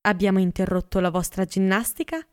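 A woman's voice: fairly high pitch, expressive, moderate pace, smooth, lightly acted. A woman voicing a charming young woman who is delighted and playful, exclaiming eagerly in an audiobook reading. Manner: exclaiming, gushing.

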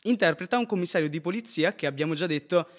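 An earnest man co-hosting a casual film review, laying out his points and checking in with the listener as he goes. His voice sits a little high for a man. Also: quick pace. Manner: earnest, with tag questions.

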